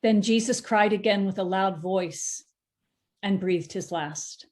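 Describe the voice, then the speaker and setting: A woman narrating a Bible passage at a church service. Her reading is steady and measured, with an occasional stumble that she corrects. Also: medium pitch. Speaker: scripture reader.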